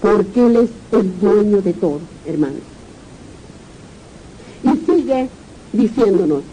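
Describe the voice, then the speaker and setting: Slow-preaching woman pastor, lively pitch. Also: slight background noise, poor audio. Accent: Peruvian Spanish. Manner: rereads verses aloud, asks the congregation questions. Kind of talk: sermon reading scripture.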